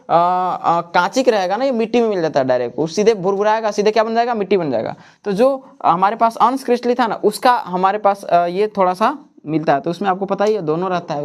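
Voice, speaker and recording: A man teaching in a coaching classroom. He keeps asking the class questions and answering them himself. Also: sits high. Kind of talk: classroom lecture.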